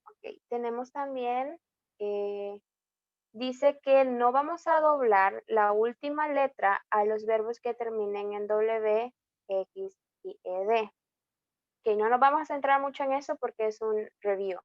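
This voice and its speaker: A Salvadoran woman tutors an online English lesson, mixing Spanish and English and checking in with a frequent "ok?". Her voice sits slightly high and moves at a slow, patient pace. The dry, dull audio sounds like a computer mic in a video class. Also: dry recording. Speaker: English teacher.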